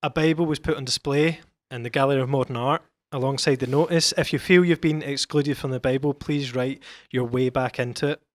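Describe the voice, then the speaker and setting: A man's voice: medium pitch, fairly even intonation, brisk, hardly any pauses, no echo. A young man hosting a casual podcast, chatty and friendly, with loose rambling introductions. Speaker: podcast host.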